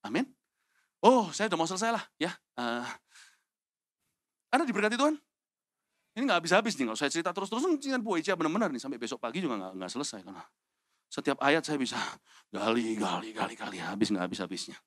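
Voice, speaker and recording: A man preaching a sermon as pastor, animated and dramatic, acting out quoted characters in high, loud voices. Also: fast, long pauses, no room sound, clean studio sound. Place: church stage.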